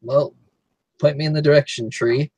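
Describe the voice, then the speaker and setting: A man's voice: fairly high pitch, fairly even intonation, normal speed, background noise. A man playing a tabletop role-playing game, speaking casually both as himself and in character.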